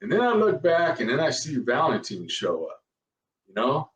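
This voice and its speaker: Brief: male ex-cop, casual storyteller, animated, swooping delivery, echoey room. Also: moderate pace, far from the mic. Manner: animated, laughing, jumps high in pitch when quoting others. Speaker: retired police officer. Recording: roomy echo.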